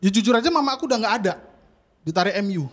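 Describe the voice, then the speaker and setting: A young man with a North Sumatran Indonesian accent performs a stand-up set. His voice sits very high, and his delivery is animated, often leaping into loud outbursts. It is told as a lively comic story. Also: very fast, slight background noise. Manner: animated, bursts into shouts when voicing others. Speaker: stand-up comedy auditioner. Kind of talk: stand-up comedy routine.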